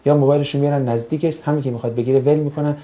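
A man's voice: mid-range voice, fairly even intonation, mellow. A man teaching a classroom lesson, joking and putting questions to his students. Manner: jokey, asks the class questions and banters. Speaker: religious studies teacher.

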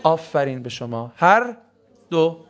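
Male teacher with a high voice, lecturing the class in a Q&A way. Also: very animated. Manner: asks the class questions and answers them himself. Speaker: religious studies teacher. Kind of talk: classroom lecture on Quranic words.

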